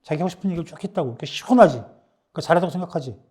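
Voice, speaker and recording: Mellow-voiced man giving a lecture. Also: fairly high pitch, animated, rapid-fire, husky. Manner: conversational, acts out quoted dialogue, frequent restarts. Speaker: startup lecturer. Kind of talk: classroom lecture.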